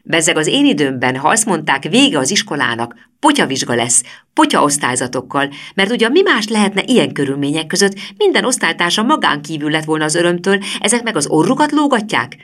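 A woman voicing a lively, bossy female teacher who mocks and scolds the pupils. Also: heavily acted. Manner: scolding, high and animated.

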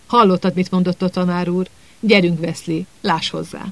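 A man's voice: high-pitched, fairly even intonation, vocal fry, a bit bright, dry recording. A male narrator voicing a spoiled, sneering schoolboy who whines and feigns sympathy. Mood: smug whining. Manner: whining, mock-sympathetic.

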